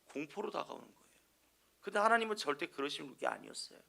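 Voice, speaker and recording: Male evangelist, sermon, rhetorical questions answered himself, emphatic, very animated pitch. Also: quick pace, gravelly. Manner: asks the congregation rhetorical questions and answers them; earnest, emphatic preaching.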